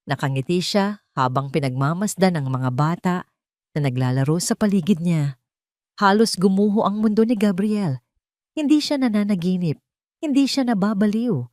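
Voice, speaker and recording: Her voice is medium in pitch with a darkish tone, captured in the studio without any echo. She's a storyteller with a Filipino accent, narrating a scripted romantic drama solemnly and melodramatically.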